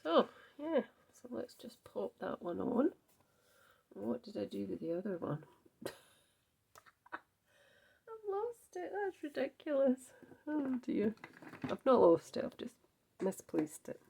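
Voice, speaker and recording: A woman hosting a casual craft tutorial, chatting to herself as she works and dropping into soft half-whispers while she crafts. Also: medium pitch, animated, slow pace, gravelly, pauses often, husky. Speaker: craft video host.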